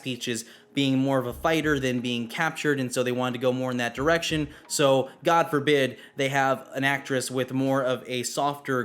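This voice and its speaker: A man talking through a movie review at a medium pitch, neither high nor low. He lays out his opinions bluntly and plainly, with firm verdicts. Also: fairly bright tone. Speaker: film reviewer.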